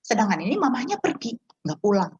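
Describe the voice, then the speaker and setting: A woman telling a personal testimony to an online prayer meeting, speaking to the listeners directly in an animated storytelling way. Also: a little high, fairly quick, breathy edge, muffled recording. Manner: animated storytelling, addresses listeners as Bapak Ibu. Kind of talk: testimony to a congregation.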